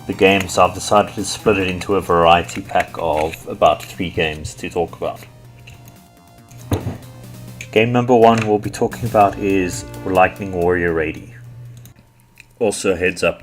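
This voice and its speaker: A man who is sick with the flu, casually commenting on an old computer game with frequent ums. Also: low-pitched. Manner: relaxed, with frequent ums and likes. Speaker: retro game channel host.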